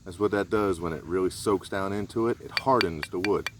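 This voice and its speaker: Deep guy, laid back and rambly, showing outdoor skills, bit of cricket noise behind. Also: a little fast. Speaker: survival vlogger. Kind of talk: casual outdoor demonstration. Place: outdoors in a rural area.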